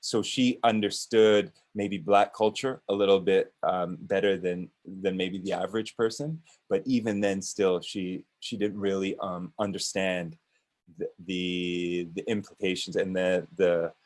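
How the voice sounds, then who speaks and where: Low-pitched man, unhurried, hesitant panel guest; business owner talking things through. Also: steady tone, a little mellow. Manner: hesitant, with many restarts and fillers. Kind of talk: panel discussion.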